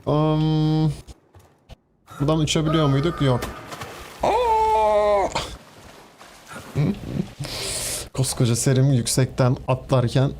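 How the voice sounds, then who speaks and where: A man with a Turkish accent streams a game, chatting casually, laughing easily, and talking back to both the enemies and his viewers. His medium-pitched voice is a little mellow, with a bit of hiss or hum.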